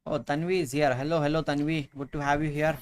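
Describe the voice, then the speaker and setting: A man's voice: a little high, steady tone, fast, smooth. A man in his thirties co-hosting a live chess stream, thinking aloud about moves with many fillers. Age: 30s. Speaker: chess commentator co-host. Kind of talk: casual chess commentary. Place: room at home.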